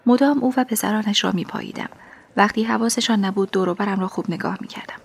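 Woman, audiobook narrator, first-person story, soft half-whispered reading, mid pitch. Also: vocal fry, husky.

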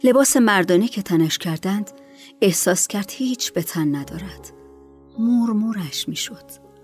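A woman narrating a story in a soft, hushed reading voice. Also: mid-range voice, expressive. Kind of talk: audiobook narration. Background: faint music.

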